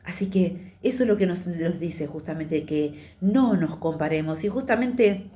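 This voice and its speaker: A woman's voice: lowish voice, a little slow, dark tone, roomy sound. A woman with a Rioplatense Spanish accent giving a conversational testimony sermon in church, confiding and chatty, often checking in with her listeners. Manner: chatty, confiding, often adds tag questions.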